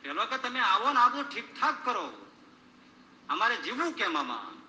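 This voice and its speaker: A man voicing a stubborn, pushy man who loudly argues his way past gods and demands answers. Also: high-pitched, big pitch swings, moderate pace, echoey room, highs cut off, slight background noise, heavily acted. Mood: accusing. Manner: insistent, loud and argumentative.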